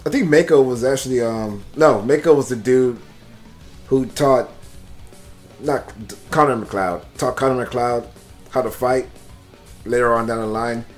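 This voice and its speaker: A man in his thirties co-hosting a podcast, relaxed and joking, with casual swearing. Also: medium pitch, a little slow, long pauses, soft background music. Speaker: podcast co-host. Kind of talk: casual movie chat.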